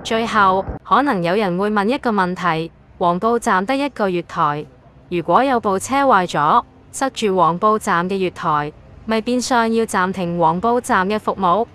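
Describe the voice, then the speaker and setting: A woman's voice: mid-range voice, moderate pace, fairly bright tone. A woman with a Hong Kong accent hosting a video with scripted explainer narration.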